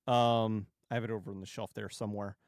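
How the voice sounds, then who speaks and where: A man's voice: on the low side, level tone, no room sound. Man chatting on a livestream, very dry sound. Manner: rambling, halting, restarts sentences and digresses. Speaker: YouTube livestream host. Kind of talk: casual livestream chat, replying to viewers.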